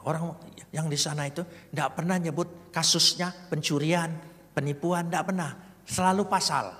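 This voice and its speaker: A man preaching a sermon, telling a story in an animated way that swings between hushed asides and loud bursts. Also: on the high side, moderate pace. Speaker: pastor. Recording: reverberant hall with faint noise.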